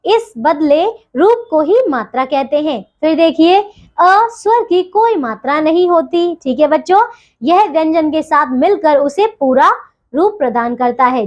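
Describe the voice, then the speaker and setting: High-voiced woman teaching children. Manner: patient, repeats "okay children" often, spells out sounds slowly. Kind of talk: classroom grammar lesson.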